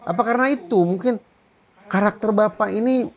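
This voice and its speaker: A man with a somewhat high voice runs the interview. He keeps pushing with quick, probing follow-up questions. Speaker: host, interviewer. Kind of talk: probing talk-show interview.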